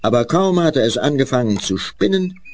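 A man narrating a children's fairy tale in an expressive storytelling way. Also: medium pitch, normal speed, no echo.

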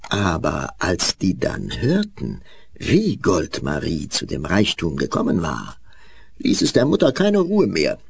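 Man, storytelling narrator, deep voice, gravelly, very animated, faint music behind. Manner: expressive, storytelling.

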